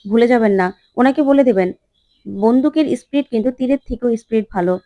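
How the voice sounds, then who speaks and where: A woman's voice: on the high side, quick pace, no room sound, highs cut off, lightly acted. A woman reading the lines of a defiant, guarded young woman in a retold TV serial.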